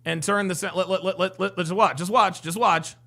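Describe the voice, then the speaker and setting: A man's voice: high voice, steady tone, fairly quick, vocal fry, pushed and bright. A man commenting live on a dating show clip, joking and repeating himself as he reads out viewer comments. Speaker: streamer reacting to a dating show. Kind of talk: live stream reaction commentary.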